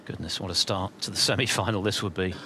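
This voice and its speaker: A man giving hushed, measured, polished live snooker commentary as the lead broadcaster. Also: low-pitched, crowd noise.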